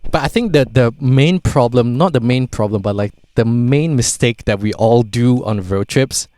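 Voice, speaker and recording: A man from Singapore hosts a casual podcast. His voice sits at an average pitch, and he rambles with plenty of "like" and the odd curse. The recording is dry and close. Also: normal speed, mellow, no echo. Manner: rambling, swears freely, frequent "like". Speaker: podcast host.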